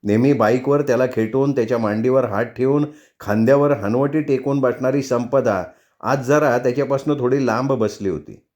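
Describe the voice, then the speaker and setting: Male storyteller reading a novel. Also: medium pitch. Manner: measured, expressive narration.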